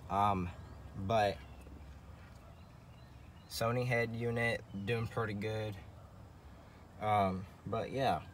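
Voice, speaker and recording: Around his parked truck, a vlogger casually walks through his CB radio setup. His fairly low voice keeps a steady tone, drawing out words with long pauses, and he rambles hesitantly, repeating phrases often. Vehicle ambience fills the noisy handheld recording.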